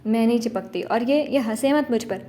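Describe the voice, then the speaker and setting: A woman voicing a playful, chirpy young wife in an audiobook romance, quick and teasing. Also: a little high, mellow, close to an everyday voice.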